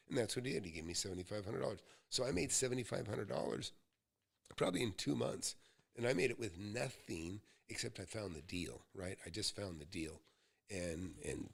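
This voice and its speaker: A man's voice: on the low side, creaky, slightly rough. A man in his sixties from the United States, hosting a live Q&A and giving real estate advice in a folksy, rambling storytelling way. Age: 60s. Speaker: real estate mentor host.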